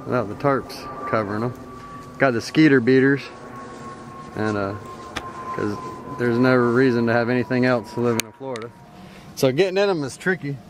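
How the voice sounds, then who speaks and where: Recorded outdoors through a handheld camera mic with faint outdoor noise, a young man shows off his riverside campsite in a rambling, easygoing tour. He's a camping vlogger with a mid-range voice who keeps a moderate pace, pauses often, and chuckles frequently during this casual outdoor walkthrough.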